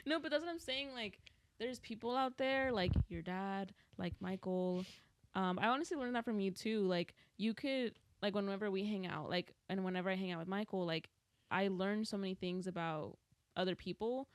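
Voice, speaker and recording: A young woman talks openly on a podcast, rambling and self-deprecating, stringing thoughts together with plenty of "like". Her voice sits at an ordinary pitch, and the sound is close and dry. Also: moderate pace, clean tone, dry recording. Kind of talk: casual podcast chat.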